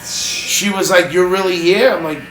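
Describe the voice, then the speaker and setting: A man's voice: high-pitched, normal speed, low-quality recording. A man telling a casual story-time tale, full of swearing and quoted back-and-forth dialogue. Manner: profane, lively retelling with quoted dialogue. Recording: music playing in background.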